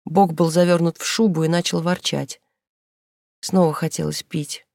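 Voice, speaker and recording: A woman reading a story aloud in a steady, matter-of-fact way. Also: fairly low pitch, moderate pace, creaky, no room sound, clean studio sound. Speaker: audiobook reader. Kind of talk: scripted narration.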